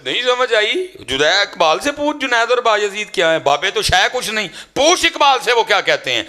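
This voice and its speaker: Guy preaching, taunting, lively pitch, bright voice. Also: reverberant. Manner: taunting, rising to shouted challenges. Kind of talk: combative sermon-style rant.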